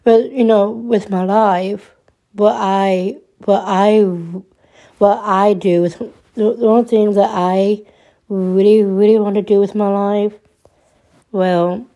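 A woman in her twenties talking through her troubles in a personal monologue, halting and subdued, restarting and repeating her words often. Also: medium pitch, steady tone, warm tone. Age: 20s.

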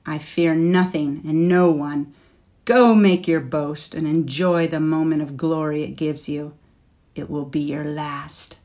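A woman doing a huge, menacing storybook dragon who sneers at everyone, his voice low and deliberate. Each word comes slow and heavy with contempt, pressed out with extra force. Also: fairly even intonation, mellow. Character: proud scornful male dragon, huge and menacing. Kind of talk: storybook reading.

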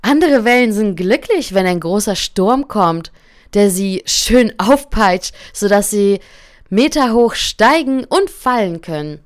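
A man's voice: sits high, lively intonation, slow pace, smooth, voice pushed up. A woman voicing a small male fish in a storybook tale, incredulous and teasing. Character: small young male fish, cheeky and puzzled.

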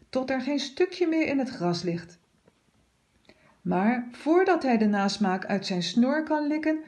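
A woman calmly reading a children's story aloud. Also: mid-range voice.

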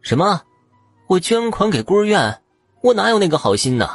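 A man voicing a sharp-tongued middle-aged wife in an audio story, speaking in a shrill, indignant way. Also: very animated, normal speed, husky, dry recording, faint music behind.

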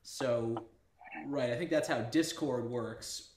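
A man hosting a podcast in casual chat, excitable and rambling, jumping between thoughts. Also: medium pitch, takes it slowly. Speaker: podcast host. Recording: echoey room with loud background noise.

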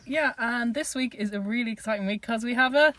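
A woman's voice: a little high, a little fast, a bit bright. A young woman with an Irish accent, chatting casually as a podcast co-host. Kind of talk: casual chat. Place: outdoors on a walk in woods.

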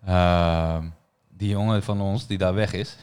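A young man hosting a casual football podcast, relaxed and slangy. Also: sits low, measured pace, clear, resonant tone. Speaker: podcast host.

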